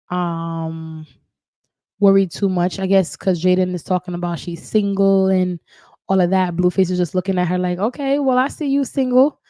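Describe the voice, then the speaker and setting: Low, mellow-voiced woman host. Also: clear, resonant tone, no room sound. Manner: chatty, repeats words, frequent "right?" tags. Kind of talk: casual commentary on celebrity gossip.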